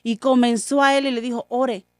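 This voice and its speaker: A woman with a high, bright-pitched voice tells a heartfelt faith story in a radio studio. She speaks earnestly and casually, slipping into the voices of her family as she quotes them. The sound is close and dry, with no room echo. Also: normal speed. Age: adult, mother of a school-age son. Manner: earnest, acts out quoted dialogue. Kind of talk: conversational faith testimony.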